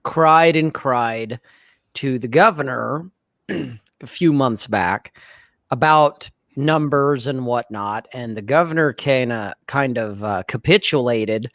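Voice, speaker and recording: A man co-hosting a casual video-call show, talking in a laid-back, blunt way and often clearing his throat. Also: medium pitch, slow, a bit bright, no echo, clean studio sound. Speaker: podcast co-host. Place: home room, indoors.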